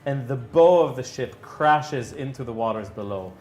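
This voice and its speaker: A man's voice: mid-range voice, moderate pace, a little mellow. Roomy-sounding male game master. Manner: casual, swears, restarts while narrating. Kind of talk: narrating a tabletop game.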